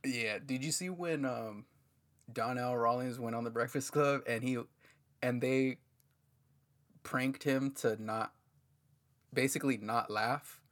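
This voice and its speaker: A man co-hosting a podcast in laid-back casual chat, often trailing off into quieter asides. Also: mid-range voice, slow pace, pauses often.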